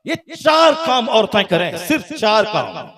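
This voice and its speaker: A man preaching a fiery sermon at a religious gathering, swelling in pitch and volume through his lists and dropping low for asides to the audience. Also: big pitch swings, measured pace. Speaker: Islamic preacher. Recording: live event with crowd noise. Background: crowd.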